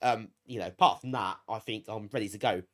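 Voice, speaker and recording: Getting over a cold and still bunged up, a British man hosts a live retro gaming stream. He speaks fairly quickly in a lowish, slightly bright voice, keeping the chat casual and self-deprecating and expressing appreciation for his viewers.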